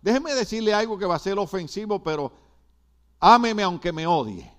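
A man's voice: sits high, lively intonation, moderate pace, fairly bright tone. An older man from Puerto Rico with a Puerto Rican accent, preaching a sermon with emphatic repetitions and asides to the congregation. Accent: Puerto Rican Spanish. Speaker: pastor.

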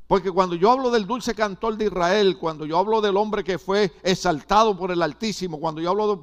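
A man's voice: sits high, highs cut off. An older man, preaching a sermon as pastor, with rhetorical questions and repetition.

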